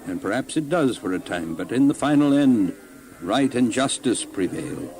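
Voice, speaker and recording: An actor playing Moses as a mature, fatherly and earnest leader in a children's audio Bible drama, measured but able to command. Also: mid-range voice, expressive, a little mellow, lightly acted. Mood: thoughtful, testing. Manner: measured, paternal, questioning, commanding in crisis.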